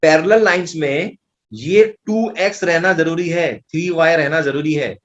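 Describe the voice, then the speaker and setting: Breezy Indian maths tutor, fairly high voice. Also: male voice, measured pace, lo-fi sound. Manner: breezy, reassuring, thinks aloud while writing. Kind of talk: explaining maths problems.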